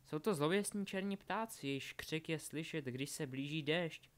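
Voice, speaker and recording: A man's voice: a little high, voice pushed up, lightly acted. A man reading an audiobook, voicing a cunning, cold young witch in a raised voice. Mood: ominous. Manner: sly, triumphant, menacing. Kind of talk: audiobook character voice.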